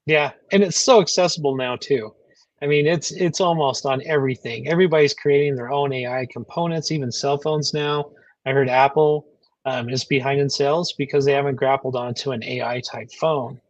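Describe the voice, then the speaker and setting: A man's voice: medium pitch, fairly even intonation, fairly quick, no room sound. Man, HR co-host, earnest, explaining, dry lo-fi sound. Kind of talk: casual live show chat.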